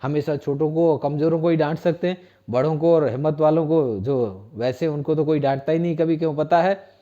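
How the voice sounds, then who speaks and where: An Indian-accented man gives a classroom-style English lesson, with a fairly high but mellow voice. He spells out each word letter by letter and repeats every phrase patiently. The sound is dull and lo-fi. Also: fairly quick. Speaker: spoken English teacher. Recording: dull lo-fi recording.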